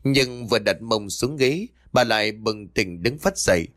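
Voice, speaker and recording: A man hosting his own channel, narrating a horror story in an expressive, dramatic reading voice. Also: lowish voice, a little slow. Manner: expressive, rising with tension.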